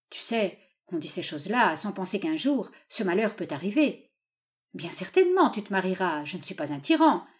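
A woman reading a novel aloud, voicing an old father who pleads with his daughter and then rages at her suitor. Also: close to an everyday voice. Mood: dismissive. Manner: pleading then furious, raised and high. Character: doting, tyrannical old father, quick to rage.

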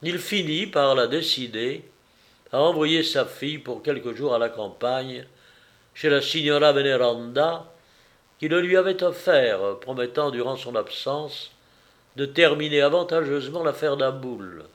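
A man narrating a novel aloud in a measured, even reading voice. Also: medium pitch. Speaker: audiobook reader.

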